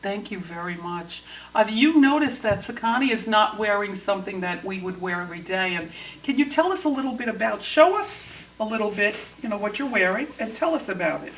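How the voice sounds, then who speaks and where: A woman's voice: medium pitch, expressive, fairly quick. A woman roving reporter hosting on-location interviews, speaking in a gushing, effusive way. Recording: distant mic, faint noise.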